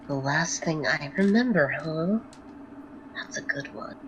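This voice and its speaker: A woman voicing an embarrassed, evasive young woman character in a tabletop game, hesitant and slow. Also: low voice, lively intonation, dull audio, slight background noise.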